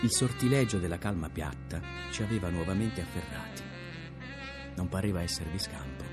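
Low-voiced man reading a novel expressively. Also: moderate pace. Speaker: audiobook reader. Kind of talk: literary audiobook narration. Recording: narration over clear background music.

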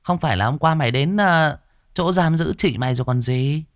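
A man doing a shrill, bossy village medium woman. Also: fairly quick, no room sound, clean studio sound, lightly acted. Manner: shrill scolding, bossy and blunt. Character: fierce middle-aged female village spirit medium.

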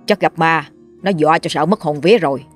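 A gruff old village sorcerer, as a woman narrator puts him on barks orders and scolds. His voice sits fairly low for her, and soft music plays under this storybook reading. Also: fairly quick. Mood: gruff commanding.

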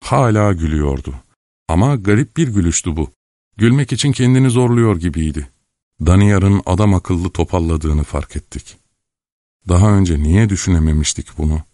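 Low-voiced guy reading an audiobook, steady and measured, dry close sound. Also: dry recording. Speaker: audiobook narrator. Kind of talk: scripted narration.

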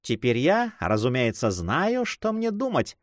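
A man voicing a quick-witted, mischievous young noblewoman who teases and laughs at the lovers. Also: mid-range voice, no room sound, studio quality. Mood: teasing. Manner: mocking, laughing, lively.

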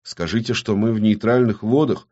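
A man voicing an experienced, gruff older destroyer captain with curt military replies. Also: lowish voice, fairly even intonation, normal speed, mellow, close to an everyday voice. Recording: dull lo-fi recording.

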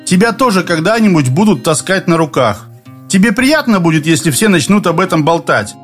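A man's voice: high-pitched, animated, brisk, a bit bright, faint music behind, voice pushed up. A man voicing a boastful boy playing a noble warrior. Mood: commanding. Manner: commanding, mock-grand.

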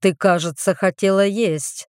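A woman's voice: medium pitch, fairly even intonation, a little slow, clear, resonant tone, dry recording, studio quality, natural voice. A woman voicing a reserved, courteous young man who is a tiger shifter.

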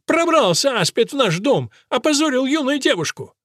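Guy putting on a screechy young woman, hysterical and accusing, way up high. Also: lively intonation, normal speed, dry recording, clean studio sound. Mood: shrieking. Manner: shrieking, high strained voice.

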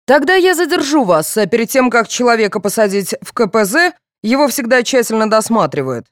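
A stern, dry police officer, read by a woman, giving clipped orders with calm authority. The voice swings lively in pitch and sits close and dry. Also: fairly quick, no echo. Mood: curt, commanding. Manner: curt, commanding, dry. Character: stern middle-aged male police officer, unflappable. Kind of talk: audiobook character voice.

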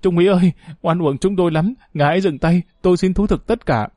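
A man voicing a frightened male henchman who pleads for mercy in a higher, strained voice. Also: animated, quick pace, a little mellow, dry recording, clean studio sound. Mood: pleading.

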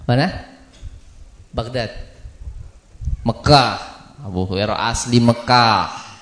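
An Indonesian man teaching a religious study class, quizzing his students and slowly spelling out names. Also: mid-range voice, a bit bright, echoey room. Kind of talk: classroom lesson with questions to students. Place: study hall.

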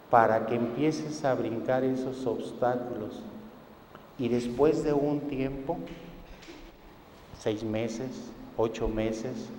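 A man with a Mexican Spanish accent preaching a sermon at a retreat, swinging from hushed to loud and acting out quoted prayers. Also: medium pitch, slight background noise. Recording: roomy hall with long reverb.

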